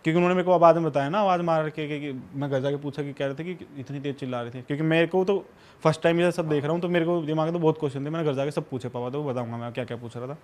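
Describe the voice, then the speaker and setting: A man recounts a true ghost story in relaxed podcast chat, his voice sitting a little on the higher side. When he quotes someone he drops into a lower, quieter voice, then comes back up to tell what happened next. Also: rapid-fire. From Haryana. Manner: animated, acts out quoted lines in a lower quieter voice. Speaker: podcast guest. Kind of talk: casual storytelling.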